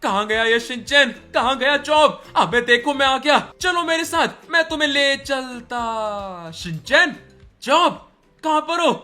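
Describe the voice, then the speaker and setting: A man voicing a tired, grumpy older brother in a game role-play dub, gruff and dismissive. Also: very high voice, measured pace, soft background music. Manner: gruff and dismissive, calling out loudly. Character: tired grumpy big brother, later worried.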